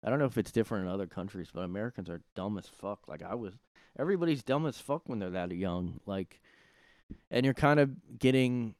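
A man hosting a solo podcast from his room, talking in a rambling, profane way with sudden loud outbursts. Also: fairly low pitch, lively intonation, brisk, dry recording, clean studio sound. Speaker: podcast host. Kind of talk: casual solo monologue.

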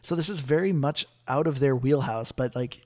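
A young man hosting a casual gaming podcast, chatty and quick to laugh, with plenty of filler words. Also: medium pitch, dark tone. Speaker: podcast host.

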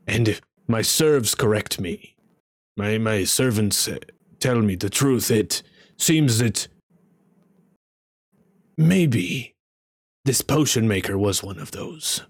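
A man voicing a proud bird-like male king in a tabletop game, speaking in a grave, halting way. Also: lowish voice, lively intonation, breathy edge, dry recording, clean studio sound, full character voice.

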